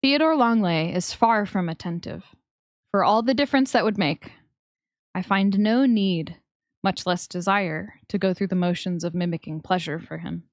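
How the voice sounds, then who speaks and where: A young woman streamer reading a story game aloud with slow, expressive narration. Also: lowish voice, no echo, studio quality.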